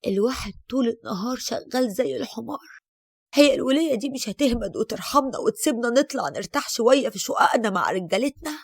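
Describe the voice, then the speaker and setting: A spiteful young daughter-in-law with an Egyptian accent, put on by a woman narrator, grumbling in a higher, gravelly voice. Her complaints sound close and dry in a storybook telling. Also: expressive, quick pace, no echo. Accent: Egyptian Arabic.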